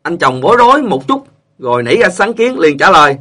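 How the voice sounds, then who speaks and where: A man's voice: a little high, sing-song, a little fast, sharp tone. A man narrating short funny stories in a plain storyteller's way.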